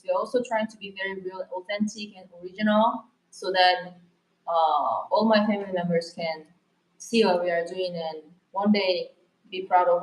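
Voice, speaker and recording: A woman whose first language is Korean chats in English with her partner. She speaks earnestly and reads viewer comments aloud. Her voice sits at a middle pitch and echoes in a roomy space. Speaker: co-host of couple channel. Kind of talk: casual couple Q&A chat.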